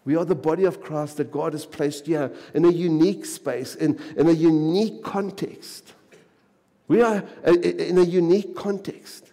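A pastor preaching a sermon, repeating phrases for emphasis and dropping to a hush on key lines, from South Africa. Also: male voice, fairly high pitch, normal speed. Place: church sanctuary. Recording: long church reverb.

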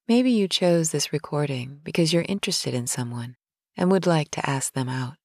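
A woman reading a guided sleep hypnosis in a slow, soothing, soft manner, with some phrases whispered. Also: deep voice, dry recording, clean studio sound.

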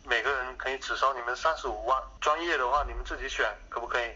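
A man talking over the phone in a brusque, impatient way, like a broker pitching a service. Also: fairly even intonation, quick pace, sharp tone. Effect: heard over the phone. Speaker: college admissions broker taking a phone call. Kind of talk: phone conversation, giving a sales pitch. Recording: muffled noisy phone line.

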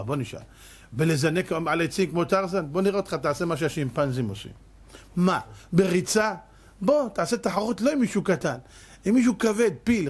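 A man, a rabbi, preaching a sermon with fervor and firing off rhetorical questions, swinging between hushed and loud delivery. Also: sits high, slightly rough. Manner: addresses the audience as "gentlemen".

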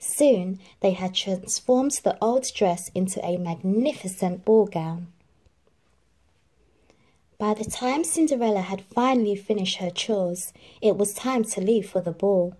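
A woman with a medium-pitched voice reads a children's story aloud, narrating expressively and deliberately like a storybook reader.

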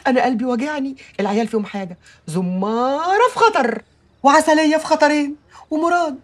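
A woman's voice: high voice, a little fast, natural voice. An actress in a TV comedy series playing an anxious Egyptian mother who laments in a worried voice that her children are in danger. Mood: wailing. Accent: Egyptian Arabic. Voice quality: wailing, lamenting. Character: anxious middle-aged Egyptian mother of many sons.

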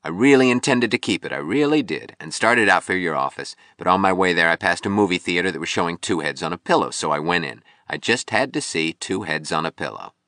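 A man's voice: low-pitched, expressive, brisk, few pauses, bright, forceful tone, no room sound, clean studio sound, full character voice. A man voicing a bitter, drunk young male sculptor in an audiobook, with a hard, impatient, belligerent voice. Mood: drunk mocking. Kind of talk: audiobook reading.

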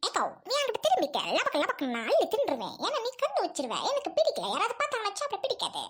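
A woman's voice: very high voice, huge pitch swings, fast, a bit bright, exaggerated voice. A woman voicing a greedy, gluttonous, rude woman guest in a Tamil cartoon, speaking with a Trichy accent. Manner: squealing, gobbling, demanding. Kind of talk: cartoon voice acting.

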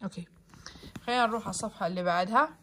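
A woman teacher with a Levantine Arabic accent, giving a tutorial lesson. She dictates English answers slowly and carefully, then adds quick explanations in Arabic. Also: mid-range voice, sharp tone, slight background noise.

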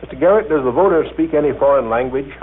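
Man, formal radio interviewer, brisk, husky, narrow tinny 1930s recording. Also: a little high.

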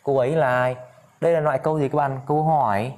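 A man with a mid-range voice leads a casual spoken lesson in a chatty teaching manner. He drills short phrases by repeating them slowly, and keeps addressing his listeners directly. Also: mid-range voice, fairly even intonation, a little mellow. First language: Vietnamese. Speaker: English teacher.

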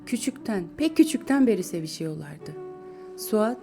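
A woman narrating a classic story in a calm, measured reading voice. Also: medium pitch, soft background music.

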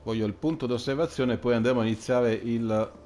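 A man's voice: mid-range voice, a little fast, mellow, slight background noise. A man giving casual gameplay commentary, muttering to himself in short phrases. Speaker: video game player. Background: game music.

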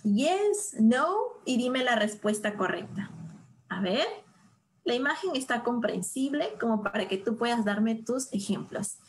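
Slow, expressive woman teaching a lesson. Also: fairly high pitch, a little hiss or hum, rough recording. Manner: slow, drawn-out modeling of example sentences, asks students questions. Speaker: English teacher. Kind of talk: live online English lesson.

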